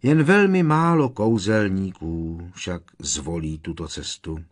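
A man voicing a sorrowful old gentleman ghost who speaks quietly and hesitantly in an audiobook. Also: sits low. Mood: mournful. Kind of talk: audiobook character reading.

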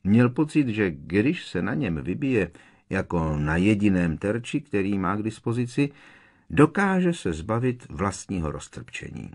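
Man, audiobook narrator, very low voice, measured storytelling. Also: very animated, darkish tone.

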